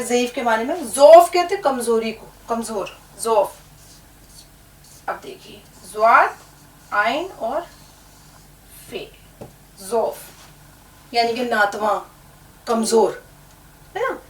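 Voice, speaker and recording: A woman teaching an Urdu lesson, patiently spelling words out letter by letter. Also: high-pitched. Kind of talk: language lesson. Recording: echoey room, distant mic.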